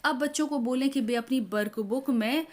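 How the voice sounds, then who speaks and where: A woman teacher from India explaining a lesson step by step, pausing often with fillers and drawing out example words as if for young children. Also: high-pitched, darkish tone. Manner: slow, halting explanation with many filler pauses; models words for children in drawn-out syllables. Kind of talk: teacher training walkthrough of a workbook lesson.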